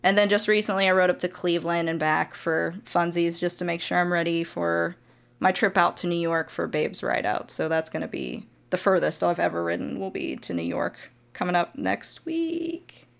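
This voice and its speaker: A woman's voice: on the low side, moderate pace, creaky. A young adult woman from Ohio, a motovlogger guest chatting casually on a podcast, laughing often.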